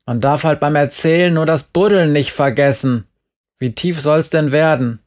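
A man voicing a brash, foul-mouthed young girl in an audiobook, with sharp, blunt exclamations. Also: on the high side, normal speed, voice pushed up, close to an everyday voice. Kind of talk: audiobook character voice.

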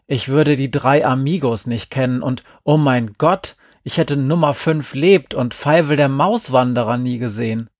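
A man's voice: medium pitch, normal speed, few pauses, dry recording, studio quality, close to an everyday voice. A man reading the lines of a reluctant, grumbling boy in a story.

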